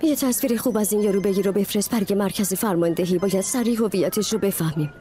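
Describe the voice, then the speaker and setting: A woman's voice: medium pitch, warm tone, close to an everyday voice. A woman dubbing film dialogue as a commanding female police team leader who speaks firmly. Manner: firm, commanding. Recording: music score underneath.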